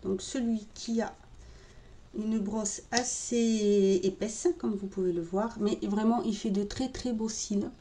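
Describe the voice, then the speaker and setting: A woman narrating a makeup tutorial in a calm, step-by-step way while she works. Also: mid-range voice, slow, a little hiss or hum. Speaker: makeup vlogger. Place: home room with birdsong outside.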